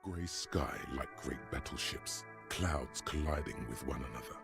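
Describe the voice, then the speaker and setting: Gravelly, very deep brooding game narrator, measured and grim, game music under him. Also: male voice, exaggerated voice.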